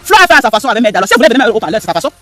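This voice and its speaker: Commentator: man with a very high, bright voice, rapid emphatic delivery, rhetorical questions. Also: sing-song, dry recording. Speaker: live stream commentator. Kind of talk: animated live stream commentary.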